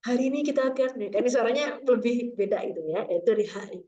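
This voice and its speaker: A woman teaching Quran recitation, slowly drawing out the letter sounds in drills. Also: a little high, warm tone. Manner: slow, drawn-out demonstrations of letter sounds. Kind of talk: tajwid lesson with drills. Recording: echoey, dull lo-fi room recording.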